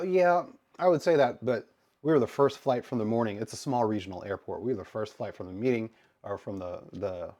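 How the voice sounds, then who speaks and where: Low-voiced American man telling a story. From United States. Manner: animated, exasperated retelling with quoted dialogue. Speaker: streamer. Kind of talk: casual storytelling to chat.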